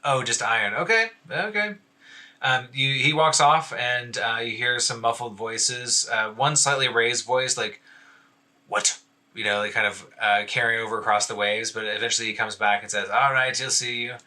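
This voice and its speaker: Man, dungeon master, very bright voice, rambling, filler-heavy narration. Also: medium pitch, steady tone, moderate pace, hardly any pauses. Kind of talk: narrating a tabletop game.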